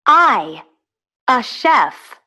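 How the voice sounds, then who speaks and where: Woman reader, course audio; crisp deliberate enunciation, very slow pace. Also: on the high side, big pitch swings, sharp tone. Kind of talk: scripted textbook dialogue.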